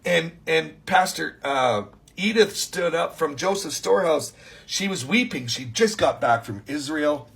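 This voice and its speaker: A man with a fairly high voice tells an animated testimony as a minister. He talks in excited bursts and trips over his words as he restarts sentences. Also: measured pace, vocal fry. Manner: excitable, restarts often, keeps saying he was freaking out.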